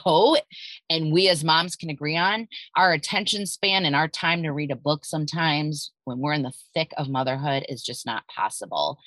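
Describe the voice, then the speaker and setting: A woman's voice: deep voice, a bit bright, no room sound, rough recording. A woman in her thirties hosting a podcast, telling her own story in a candid, confiding way with frank swearing. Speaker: podcast host.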